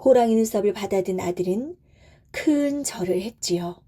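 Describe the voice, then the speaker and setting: A woman narrating a bedtime folk tale in a soft, soothing, gentle way. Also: mid-range voice, animated, moderate pace, breathy edge. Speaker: storyteller.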